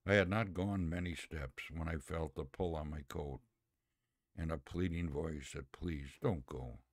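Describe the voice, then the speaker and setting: A man hosting a podcast, reading a story aloud in a plain, unhurried way with homely asides. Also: very deep voice, fairly even intonation, no room sound, clean studio sound. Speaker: podcast host.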